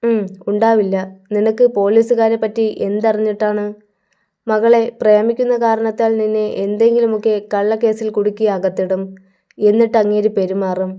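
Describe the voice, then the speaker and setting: A woman voicing a blunt, mocking young male gangster in a storybook crime tale, with a teasing, gruff manner. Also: medium pitch, little pitch movement, normal speed, dull audio, natural voice.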